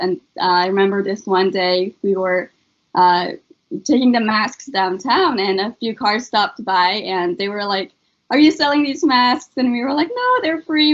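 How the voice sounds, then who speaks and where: A young adult woman from Afghanistan, a student appearing as a guest, earnestly answers interview questions and shares her personal story, using many filler words. Her voice is on the high side and the recording sounds lo-fi.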